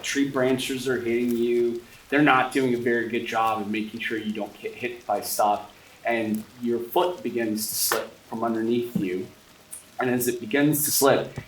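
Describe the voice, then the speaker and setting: A man's voice: mid-range voice, steady tone, normal speed, a bit bright. A man narrating a tabletop horror game as game master, describing scenes and talking directly to the players. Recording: roomy echo, distant mic, faint noise.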